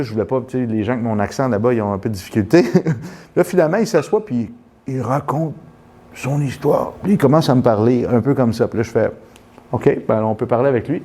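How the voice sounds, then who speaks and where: A man with a Quebec French accent, telling a rambling, animated story full of restarts and then guiding a postural check. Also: medium pitch. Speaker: postural therapist. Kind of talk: casual storytelling and live demonstration.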